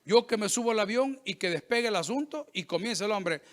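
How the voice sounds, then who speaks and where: A middle-aged man, a pastor preaching a sermon, joking and animated, acting out the voices of people he quotes. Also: sits high, fairly quick.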